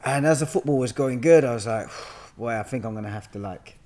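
Talking fairly quickly in a medium-pitched, darkish voice, this thirtysomething actor from London spins colloquial stories as a podcast interview guest. He sits in a bright indoor room with a sofa, speaking into a podcast microphone on a boom arm.

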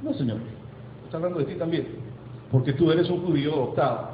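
A man preaching as pastor, emphatic, asking rhetorical questions and slowing down for effect. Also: a little high, reverberant, dull audio, slight background noise. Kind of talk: sermon. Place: church sanctuary.

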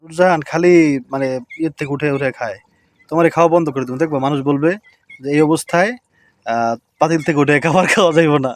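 A woman's voice: deep voice, quick pace, long pauses. A woman vlogger talking casually while she cooks at home. She chats with her viewers, asks them to comment, and plays along with a small child. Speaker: family vlogger. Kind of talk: casual home cooking vlog.

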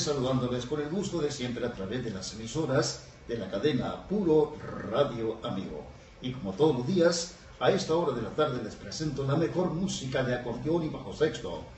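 A man's voice: fairly high pitch, slight background noise. A man hosting a music program as a radio DJ, greeting listeners cheerfully on air, heard as a broadcast radio sound. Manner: cheerful on-air greetings, reads phone numbers. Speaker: radio host. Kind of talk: radio DJ announcing. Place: radio studio. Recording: echoey distant radio air-check with loud music.

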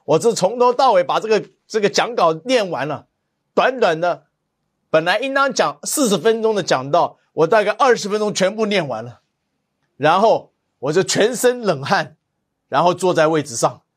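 Man, pastor, devotional sermon, anecdotes with quoted dialogue, higher voice. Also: normal speed, breathy edge. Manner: storytelling, lively quoted dialogue.

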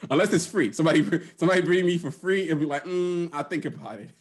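A man's voice: fairly high pitch, quick pace. Joking dude who grew up in haiti, teasing his cohosts on a podcast. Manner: joking, teasing, laughs often. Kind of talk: casual podcast banter.

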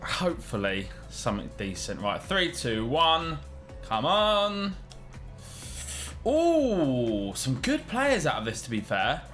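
Bright-voiced young British man, gaming chat. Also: fairly high pitch, huge pitch swings, slow pace, soft background music. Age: 20s. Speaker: gaming YouTube host. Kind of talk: casual gaming commentary. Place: small room at home.

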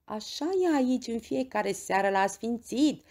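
A woman voicing a shy young boy goatherd who explains things plainly and calmly. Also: on the high side, voice pushed up.

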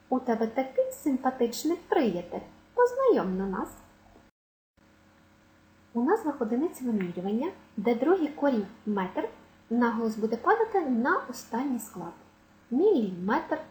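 A woman teaching a language lesson, clearly stressing syllables as she explains word stress. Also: sits high, darkish tone, poor audio. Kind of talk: exam-prep lesson.

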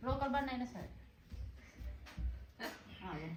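High-voiced woman, far and echoey. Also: animated, unhurried, faint music behind. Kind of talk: casual chat while working. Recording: distant, roomy, very noisy.

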